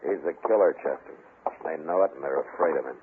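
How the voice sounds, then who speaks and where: A man's voice: rumbling low, fast. A man playing a stern, weary American frontier marshal in a radio western, with a terse, commanding, dry delivery. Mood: grim, low. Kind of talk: old-time radio western drama acting. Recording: muffled, hissy old radio broadcast recording.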